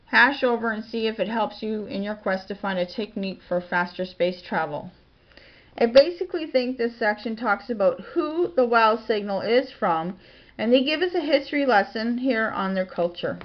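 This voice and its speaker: A woman blogger talking quietly in a casual home vlog, reading out lists of titles and dates from her home office. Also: a little high, expressive, moderate pace. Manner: soft-spoken, quiet delivery. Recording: dull lo-fi home recording.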